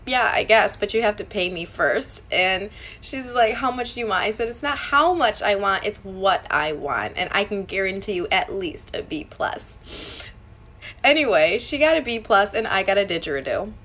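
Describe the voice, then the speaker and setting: A young woman telling a funny personal story in a casual, animated way and acting out the dialogue. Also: mid-range voice, moderate pace. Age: young adult. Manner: animated, acts out quoted dialogue.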